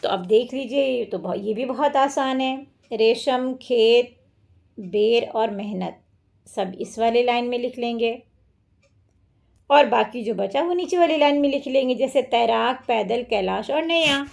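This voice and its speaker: A woman's voice: a little high, unhurried, gravelly, darkish tone. A woman teacher explaining a children's workbook lesson step by step.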